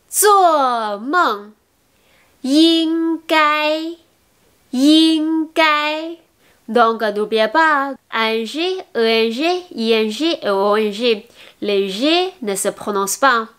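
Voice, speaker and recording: Slow, patient teacher woman. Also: on the high side, a bit bright. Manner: clear, slow demonstration of pronunciation, patient. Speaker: Mandarin teacher. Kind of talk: language lesson video.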